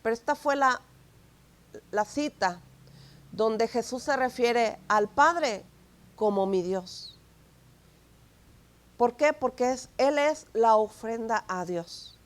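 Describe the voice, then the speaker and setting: A woman pastor with a Mexican Spanish accent preaching a sermon, full of rhetorical asides and tag questions, swinging between soft asides and emphatic declarations. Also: on the high side, slow pace.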